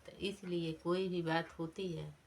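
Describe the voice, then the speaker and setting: Woman storyteller for a moral folk tale; low-ish, very slow, plain delivery. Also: level tone, slight background noise.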